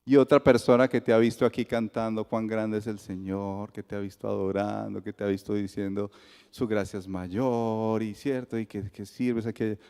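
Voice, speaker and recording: In a big-room church sanctuary, a pastor with a Colombian accent delivers a sermon in a smooth, lowish voice at a normal pace. He brings the story to life by acting out its dialogue.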